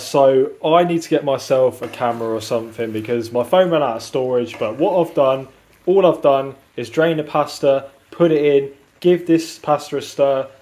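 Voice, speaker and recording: A man's voice: medium pitch, darkish tone. A man who pronounces his R's like W's, chatting informally to viewers as he presents a home cooking tutorial. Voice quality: speech impediment, says w for r. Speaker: home cook presenting a recipe video. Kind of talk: casual cooking tutorial chat. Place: indoors in a kitchen. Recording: roomy, distant mic, faint background noise.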